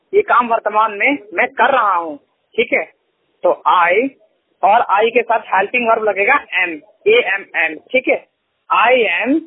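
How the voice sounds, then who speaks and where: A man's voice: sits high, husky, no echo. A man giving a spoken grammar lesson as an English teacher, explaining step by step and often checking in with "okay". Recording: tinny phone line, dry.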